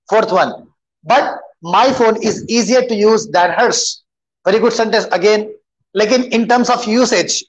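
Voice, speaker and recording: An Indian-accented teacher walks through homework sentences one by one, unhurried and deliberate. The patient explanations drift between English and Hindi. The sound is a little dull and lo-fi. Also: mid-range voice. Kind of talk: online English grammar lesson, mixing English and Hindi.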